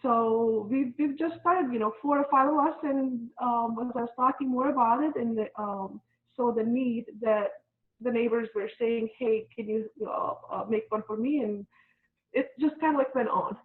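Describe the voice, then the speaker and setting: A woman's voice: a little high, moderate pace. A middle-aged woman from Bosnia and Herzegovina, interviewed as a guest, speaking hesitantly with many fillers and restarts. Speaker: interview guest, volunteer mask maker. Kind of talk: casual interview. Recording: tinny phone-like line.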